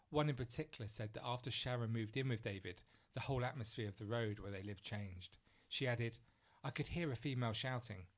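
A man narrating a true crime story in a measured, grave manner. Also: mid-range voice.

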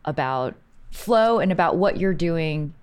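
A woman's voice: sits low, expressive, darkish tone, clear, resonant tone. A woman hosting an interview podcast, bubbly and enthusiastic as she asks her guest questions. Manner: bubbly, enthusiastic, quick bursts. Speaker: podcast host. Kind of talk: conversational interview.

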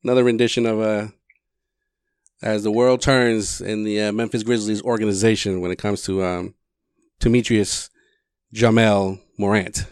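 Man, sports podcast host, casual, halting delivery, informal, dry recording. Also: on the low side, level tone, a little mellow, clear, resonant tone, no room sound.

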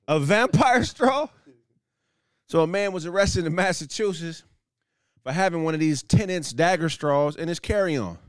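A man's voice: high voice, no echo, studio quality. A man hosting a comedy podcast, riffing in incredulous, profane rants broken by laughter.

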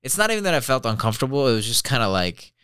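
A man's voice: mid-range voice, sing-song, racing, fairly bright tone, clear, resonant tone, no echo, clean studio sound. A man in his late twenties with an American accent, chatting casually in a blunt, slangy, sweary way. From born in Belarus, moved to the US at three. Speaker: guest answering searched questions about himself. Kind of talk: casual chat.

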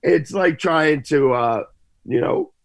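A man giving casual sports analysis on a podcast, halting as he thinks aloud. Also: a little high, animated, dry recording.

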